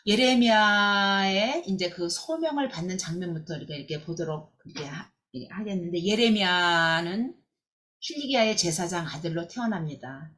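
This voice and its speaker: A woman's voice: lowish voice, animated, normal speed, fairly bright tone. A woman teaching a Bible lecture, earnest and emphatic, with frequent fillers and restarts.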